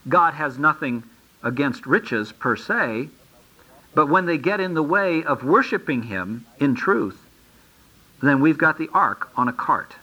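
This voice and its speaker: A man's voice: on the high side, lively intonation, a little slow, bright, forceful tone, slightly rough, muffled recording. A man preaching a sermon, reading Bible verses aloud and explaining them in plain, folksy asides. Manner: reads verses aloud, then comments.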